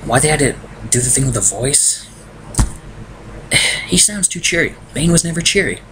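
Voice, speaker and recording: A man's voice: fairly high pitch, lively intonation, moderate pace, fairly bright tone, low-quality recording. A young man casually reviewing a film from a room at home, exasperated and ranting. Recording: noticeable background noise.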